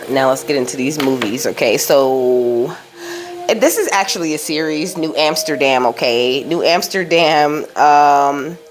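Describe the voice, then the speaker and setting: In a low, slightly slow voice, a woman tarot reader conducts a casual psychic card reading. She conveys messages from Spirit in a reassuring, meandering way, punctuating her talk with "you know" and "okay?"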